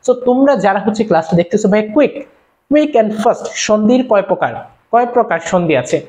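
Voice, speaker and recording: A young man from Bangladesh teaching an online class, repeating his points and firing quick questions at his viewers. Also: high voice, lively intonation, warm tone. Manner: fast, repetitive, calls out questions to viewers. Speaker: online tutor. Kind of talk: live-streamed class lecture. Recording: dull lo-fi stream audio.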